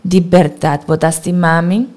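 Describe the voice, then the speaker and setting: A woman voicing a calm, gentle man who asks questions slowly, in a storybook reading. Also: lowish voice.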